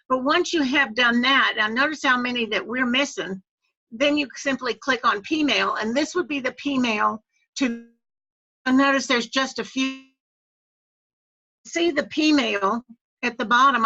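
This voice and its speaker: Training club officers on a web call, this woman speaks in a high-ish, creaky, bright and forceful voice. She leads a methodical step-by-step walkthrough, captured in dull, lo-fi call audio.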